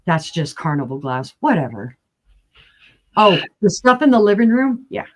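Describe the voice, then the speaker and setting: A woman's voice: on the low side, big pitch swings, moderate pace. A woman hosting a live-stream vintage glass auction, chatting casually and describing each piece with asides. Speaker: online glass auction host.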